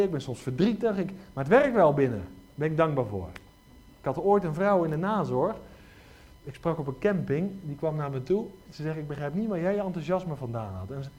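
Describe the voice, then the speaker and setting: Animated preacher, lively pitch. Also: male voice. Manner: animated, frequent rhetorical questions. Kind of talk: lively sermon.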